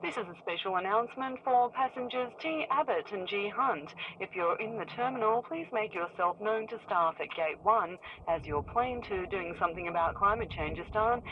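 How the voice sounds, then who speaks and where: A performer voicing a polite airport gate announcer, speaking calmly and formally over a terminal intercom. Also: mid-range voice, moderate pace, few pauses, narrow, tinny audio, a little hiss or hum. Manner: calm, formal announcement delivery. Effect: airport public-address announcement over the intercom.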